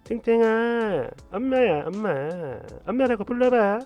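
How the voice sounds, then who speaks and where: A man voicing a pushy, clingy young woman friend who talks in a shrill, insistent way. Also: animated, measured pace, dull audio, soft background music. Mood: gushing.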